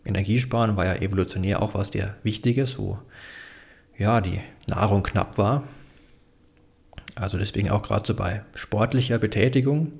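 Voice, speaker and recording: A man giving a calm, explanatory self-help talk, speaking directly to the listener with frequent thinking fillers. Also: lowish voice, normal speed, gravelly.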